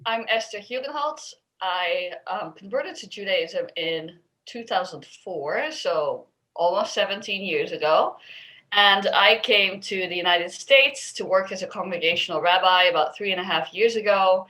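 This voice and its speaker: A woman's voice: medium pitch, a little slow, sharp tone, poor audio. A woman, a congregational rabbi and podcast co-host, introducing herself in a composed, fluent way. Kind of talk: casual podcast self-introduction.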